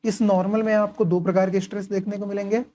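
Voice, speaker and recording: A man's voice: level tone, quick pace, mellow. A man tutoring engineering students in a casual lecture, often posing questions and answering them himself while checking in with "okay" and "right". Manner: keeps asking and answering his own questions, frequent "okay" and "right" check-ins; writes and highlights while talking. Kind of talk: casual lecture explaining course material.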